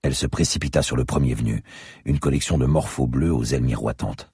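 A man narrating a dark thriller in the first person, his voice extremely deep and full of gravelly fry. The tone is husky and breathy, and the recording is close and completely dry. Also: brisk, no echo. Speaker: audiobook narrator.

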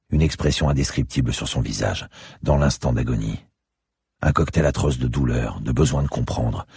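A man giving grave, steady first-person narration of a dark thriller audiobook. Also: a bass voice, breathy edge, no echo, studio quality.

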